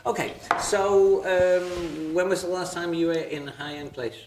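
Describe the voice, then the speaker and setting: A man's voice: sits high, fairly even intonation, measured pace. A man co-hosting a podcast, easygoing and agreeable in casual chat. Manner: easygoing, lots of agreeing fillers. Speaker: podcast co-host. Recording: echoey room with noise.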